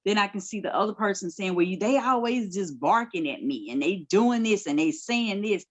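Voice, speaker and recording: A woman's voice: mid-range voice, animated, moderate pace. A middle-aged woman, a guest minister, giving direct, colloquial life advice in a casual podcast chat.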